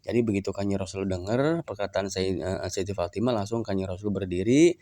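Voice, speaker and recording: A man's voice: deep voice, a little fast, dark tone, no echo, studio quality. A man with a Sundanese accent teaching from a religious book, retelling it in folksy everyday talk. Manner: folksy, explains in plain talk. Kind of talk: kitab reading lesson. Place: shrine visit.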